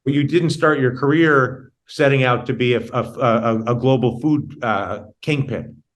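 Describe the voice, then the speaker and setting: A man with a medium-pitched voice hosts an interview show. He speaks conversationally, in a halting way, restarting and rewording his questions as he goes.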